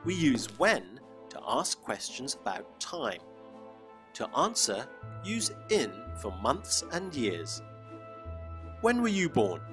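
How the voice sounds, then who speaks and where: Man, lesson host, scripted narration, very lively pitch, faint music. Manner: clear teacherly, slow for examples.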